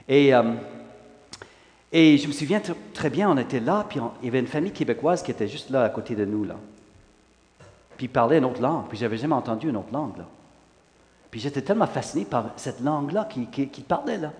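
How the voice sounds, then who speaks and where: A man in his sixties from Western Canada, a pastor whose first language is English, giving an animated sermon testimony full of "là" fillers. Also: medium pitch, fairly quick. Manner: animated, rising in emphasis, frequent "là" fillers. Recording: long hall reverb.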